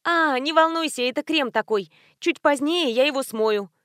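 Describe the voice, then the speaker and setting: A woman reading her first-person heroine's lines in an animated, exclaiming way. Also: high-pitched, normal speed, dry recording, clean studio sound, voice pushed up. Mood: explaining.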